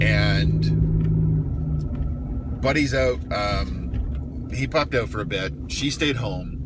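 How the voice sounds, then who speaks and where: Deep-voiced man talking over car noise. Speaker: private investigator telling of the job. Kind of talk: casual vlog monologue with storytelling. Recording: clear steady car noise.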